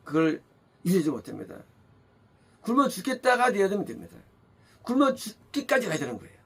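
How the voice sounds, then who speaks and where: Gravelly, lively Korean pastor preaching. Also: male voice, high-pitched, a little fast, a little hiss or hum. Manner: emphatic, repeats phrases, asks rhetorical questions. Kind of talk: sermon. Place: church.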